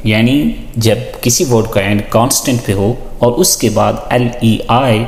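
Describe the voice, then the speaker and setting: A man teaching a lesson with on-screen examples, deliberately listing and repeating example words. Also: lowish voice, steady tone. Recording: echoey, reverberant room.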